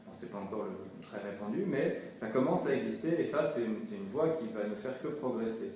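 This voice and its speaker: A man's voice: lowish voice, animated, brisk, darkish tone. A man giving explanatory interview talk as a company representative, hesitantly repeating words as he searches for phrasing. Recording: very echoey room, distant mic, faint noise.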